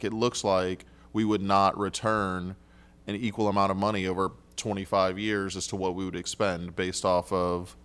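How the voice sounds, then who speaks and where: A male city council member questioning staff at a meeting, polite and halting, thinking aloud with restarts, speaking into a desk microphone in a council chamber. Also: low voice, a bit bright.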